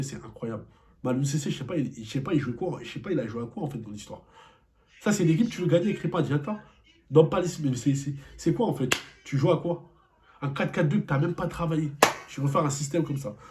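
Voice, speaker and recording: A man's voice: a little high, darkish tone. A man giving an angry post-match football debrief, repeating himself and firing rhetorical questions. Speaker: football vlogger.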